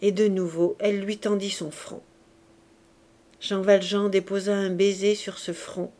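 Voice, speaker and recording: A woman narrating a classic novel aloud in a measured, expressive reading voice. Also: mid-range voice. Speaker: audiobook reader. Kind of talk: literary narration.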